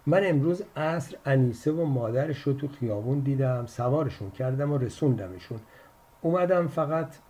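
A man voicing the story's flustered protagonist, hurried and defensive in dialogue. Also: mid-range voice, animated, warm tone, natural voice.

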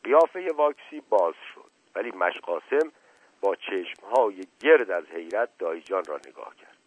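A man narrating a novel in a calm, measured storytelling way. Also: sits low, slightly rough, no room sound. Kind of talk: dramatized novel reading. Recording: tinny phone-like radio sound, dry.

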